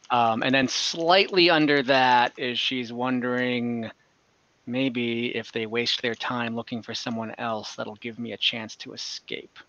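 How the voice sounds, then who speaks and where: A young man acts as game master over a video call from a home room, narrating loosely with many fillers. His mid-range voice sounds pushed and bright, and the call audio is slightly dull.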